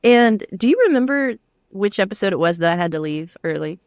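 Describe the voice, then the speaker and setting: A woman co-hosting a podcast who teases her partner with quick, wry quips. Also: medium pitch, animated, a little mellow, no echo. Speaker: podcast co-host. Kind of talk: casual podcast banter.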